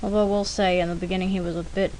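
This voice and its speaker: Rapid-fire and on the low side, this woman's voice accompanies her drawing demo with chatty, rambling, self-deprecating commentary as she thinks out loud. The recording is rough, with a steady background noise.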